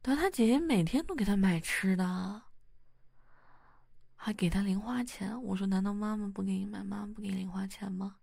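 A woman's voice: mid-range voice, moderate pace, creaky, dry recording. A young woman acting as a wife and mother in a whispered role-play, talking intimately and teasingly to her husband. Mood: storytelling. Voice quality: soft whispery delivery. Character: young wife, playful, easily flustered.

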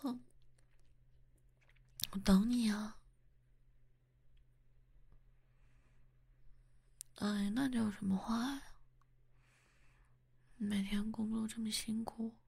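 A young wife murmurs and chatters to her husband in a whispered role-play, as a woman acts her out. Her voice sits a little high and carries a gravelly creak, with moments of flustered teasing. The sound is close and dry. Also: fairly even intonation, slow, long pauses, no echo, heavily acted. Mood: gentle. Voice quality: soft whispery delivery.

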